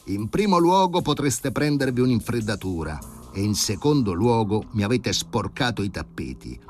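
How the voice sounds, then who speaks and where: A man's voice: mid-range voice, very animated, faint music behind, pitched above the performer's own voice, close to an everyday voice. A man doing a pompous, stern old professor. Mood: haughty, stern. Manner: grave, ironic, drawn-out emphasis. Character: pompous elderly male professor, stern and sardonic.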